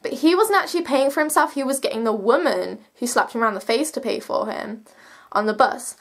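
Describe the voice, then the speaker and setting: A young woman of seventeen with a high-pitched voice tells a personal story to camera. Her delivery is casual and animated, full of slang and emphatic swearing. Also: a little fast. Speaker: vlogger telling a personal story.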